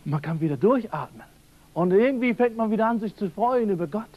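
High-voiced preacher on old tape. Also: male voice, expressive, brisk, muffled recording. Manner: emphatic, repeats key phrases, addresses listeners directly. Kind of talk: sermon. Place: church seminar hall. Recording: old radio-quality seminar tape.

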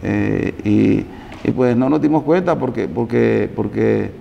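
A man, a guest chatting in an interview, halting and often repeating words as he restarts. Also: fairly low pitch, vocal fry, slight background noise. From Colombia. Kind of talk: casual interview chat. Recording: reverberant, dull lo-fi sound.

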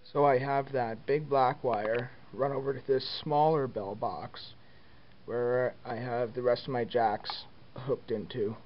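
A slow, easygoing man films his basement indoors to show his home phone wiring, his mid-range voice fairly even in intonation and dotted with ums and uhs. Off screen behind the handheld camera, he's captured through a mic that sounds dull, lo-fi and faintly hissy.

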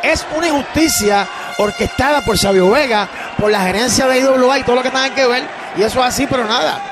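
A man with a Puerto Rican accent giving partisan wrestling commentary, emphatic, with drawn-out, repeated exclamations. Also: very high voice. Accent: Puerto Rican Spanish. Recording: noisy arena with crowd behind. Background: crowd noise.

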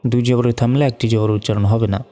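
A man with a Bangladeshi Bengali accent teaches Quran reading, spelling out each letter and vowel mark syllable by syllable before chanting the words. His mid-range, dark voice barely moves in pitch and he talks fast. The recording has reverberant hall sound and faint music.

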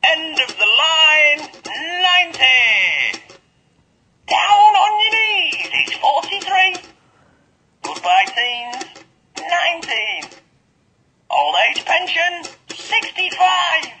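Showy bingo machine voice, really bright and swoopy, loud drawn out calls, bit noisy toy speaker. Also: male voice, very high voice, sing-song, full character voice. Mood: brash, showy. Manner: loud, drawn-out, theatrical announcing. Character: animated toy bingo caller, brash showman. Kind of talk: bingo calling.

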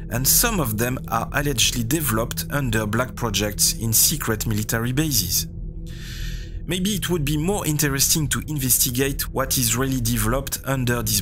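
A man with a French accent, a native French speaker, delivering critical, sardonic scripted commentary as the host of a video channel. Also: medium pitch. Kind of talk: scripted commentary rebutting a TV show. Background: background music.

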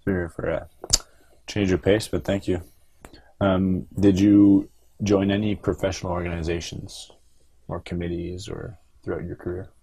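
A man asking quiet, brief questions in an oral history interview, heard faintly from off-mic. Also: sits low, flat delivery, normal speed, breathy edge.

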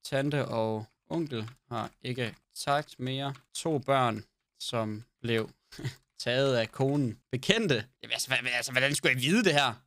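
A man's voice: medium pitch, a bit bright. A man streaming a game, chatting casually to his viewers in a rambling way and swearing now and then. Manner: rambling, swears, talks to chat. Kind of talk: casual live-stream chat.

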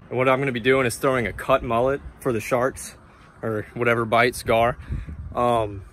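A young man, fishing from a windy shoreline and talking excitedly to viewers through an action camera. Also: medium pitch. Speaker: fishing vlogger. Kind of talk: casual vlog narration. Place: outdoors on a windy shoreline by a bridge. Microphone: action camera on body and selfie camera.

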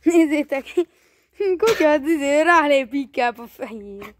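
High-pitched woman vlogger soothing her dog outdoors, filming on a handheld camera. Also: animated, slight background noise. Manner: coaxing, babying talk to the dog. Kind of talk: casual chat to camera and dog. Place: outdoor yard. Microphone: handheld camera she is filming with.

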